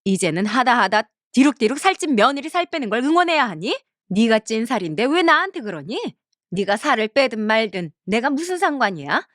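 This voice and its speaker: A woman's voice: fairly high pitch, sing-song, brisk, a bit bright, no echo, clean studio sound. A woman voicing a harsh middle-aged mother-in-law in a story cartoon, speaking with contempt and berating her daughter-in-law. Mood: scornful.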